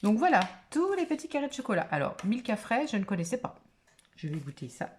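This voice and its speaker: A woman's voice: fairly high pitch, very animated, a little fast, a little mellow, a little hiss or hum. A woman vlogger opening craft mail in a casual chat to camera, gushing and exclamatory, full of little fillers.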